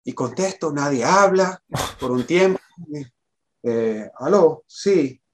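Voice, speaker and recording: A man telling a personal anecdote in conversation, animated, acting out quoted dialogue and often restarting his sentences. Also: a little high, slow. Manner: animated storyteller who acts out quoted dialogue, frequent restarts.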